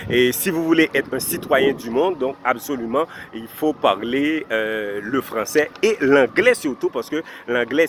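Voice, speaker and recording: Heard with slight hiss or hum, a Haitian man whose native language is Haitian Creole speaks in a mid-range, fairly bright voice. Outside, he gives earnest direct-to-camera life advice as a vlogger, addressing his audience formally and repeating points to drive them home.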